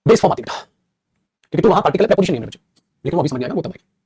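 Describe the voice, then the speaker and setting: A man with a high, husky voice races through an English grammar lesson. His pitch swings widely as he coaxes and scolds his students, whom he calls 'beta'. The sound is close and dry. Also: big pitch swings, racing, darkish tone, dry recording. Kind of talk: online class lecture.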